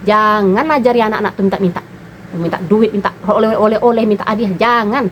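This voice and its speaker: A woman, a mother giving her parenting opinions in a blunt, animated monologue. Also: mid-range voice, a little fast, a little hiss or hum, rough recording. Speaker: mother and vlogger.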